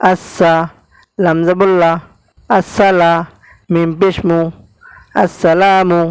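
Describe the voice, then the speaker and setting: Male recitation teacher with a Bangladeshi Bengali accent, spelling syllables one by one in a smooth voice, dry close sound. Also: high-pitched, no echo, poor audio. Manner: spells out each syllable then blends it. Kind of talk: slow spelled-out recitation lesson.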